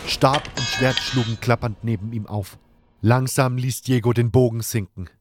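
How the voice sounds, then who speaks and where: A man's voice: mid-range voice, steady tone, normal speed, over loud music. A man reading a scripted first-person fantasy story as its narrator.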